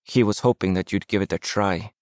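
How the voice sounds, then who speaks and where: A man reading the lines of a blunt, resolute young woman who works a bar, in a steady, plain way, in an audiobook. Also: fairly low pitch, fairly quick, dry recording, studio quality, natural voice.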